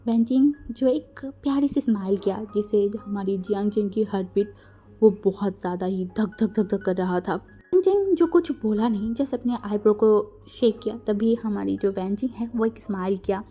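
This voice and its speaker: A woman's voice: medium pitch, normal speed, dark tone, faint music behind. A woman casually reading out fan fiction, chatty and conversational, sprinkling in English words. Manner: conversational, mixing English words, frequent restarts. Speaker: storyteller.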